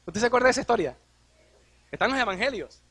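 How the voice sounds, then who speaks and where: A man's voice: very high-pitched, lively intonation, fast talker, fairly bright tone, husky, no room sound. A man preaching a sermon as a pastor, posing rhetorical questions and acting out quoted dialogue.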